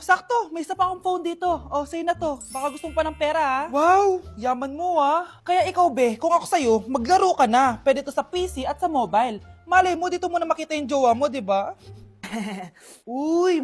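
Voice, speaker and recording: A woman acting out many characters in comedy skits with bratty, exaggerated delivery. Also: high voice. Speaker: comedy sketch creator. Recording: echoey room with music.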